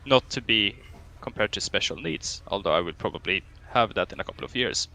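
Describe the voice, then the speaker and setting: Acting as training officer in a roleplay police drill, a young man from Sweden speaks with a Swedish accent in a lowish, sharp voice. His intonation is lively and his pace a little fast. He's stern with a dry wit, and the audio quality is poor.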